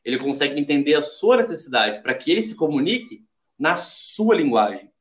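A man's voice: on the high side, very animated, moderate pace. A man from Brazil, a podcast guest in casual chat, explaining ideas step by step and acting out little quoted examples. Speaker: podcast guest, sales development rep.

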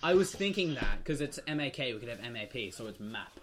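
A man's voice: mid-range voice, lively intonation, fast, a bit bright, a little hiss or hum. A young man hosting a casual podcast chat, teasing his friends, swearing a lot and laughing easily. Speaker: podcast host. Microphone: shared studio mic.

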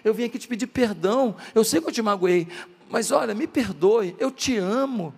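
A preacher putting on a soft, pleading young lover. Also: male voice, high voice, normal speed, vocal fry, husky, long reverb tail, heavily acted. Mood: pleading tender. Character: pleading young man, gentle and apologetic.

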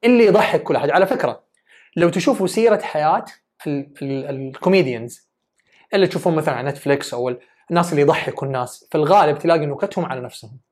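A woman's voice: low-pitched, rapid-fire, a little mellow. A woman giving an earnest, emphatic self-development talk. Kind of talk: motivational talk.

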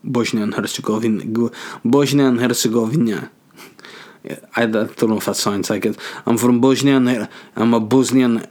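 A man's voice: medium pitch, steady tone, moderate pace, a little mellow. A young man hosts a solo podcast from his garage. He rambles from one thought to the next, crude and jokey, swearing freely as he goes. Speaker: podcast host.

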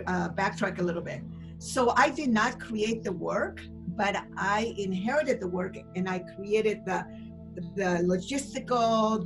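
A woman's voice: mid-range voice, poor audio. A woman in her sixties from Chile with a Chilean Spanish accent, answering interview questions with enthusiasm and many fillers. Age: 60s. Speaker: guest.

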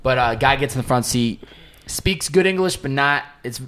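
A man on a podcast, a rideshare driver telling an anecdote in a relaxed way and acting out what people said. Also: mid-range voice, normal speed, smooth. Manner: animated storyteller who acts out quotes. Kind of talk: casual storytelling chat.

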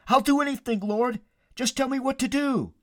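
Man doing a frantic man stuck on a cliff, yelling high, panicked, very dry sound. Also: huge pitch swings, slow, husky, no room sound, heavily acted. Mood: frantic pleading. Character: terrified man dangling from a cliff.

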